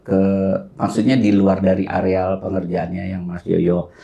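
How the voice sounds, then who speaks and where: A man's voice: low voice, flat delivery, a little slow, vocal fry, warm tone, dull audio. A man from Indonesia hosting a podcast, chatting casually and teasing his guest playfully. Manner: teasing, playful, laughs often. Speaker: podcast host. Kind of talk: casual interview chat.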